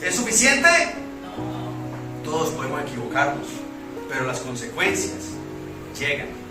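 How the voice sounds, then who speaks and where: A man's voice: fairly high pitch, sing-song, unhurried, heavy reverb, recorded from a distance, over music, low-quality recording. A man with a Colombian accent preaching a sermon as pastor, putting rhetorical questions to the congregation.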